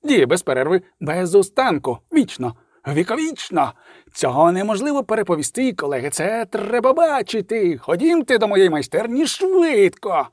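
A man voicing an excitable professor who shouts jubilantly about his invention. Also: high-pitched, moderate pace, dry recording, clean studio sound, pitched above the performer's own voice. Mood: ecstatic. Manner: shouting, jubilant, breathless exclamations. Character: excitable old male professor, ecstatic inventor.

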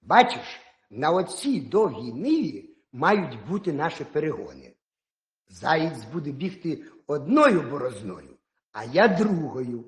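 A man's voice: on the high side, big pitch swings, unhurried, roomy sound, voice pushed down. A man doing a sly little hedgehog. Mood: scheming. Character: boastful little male hedgehog, sly and calm.

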